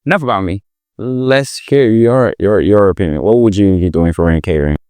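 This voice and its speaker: Goofy Nigerian man, clear low voice. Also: a little fast, warm tone, dry recording. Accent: Nigerian English. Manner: goofy, joking, switches registers. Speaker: podcast host. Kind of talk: casual chat.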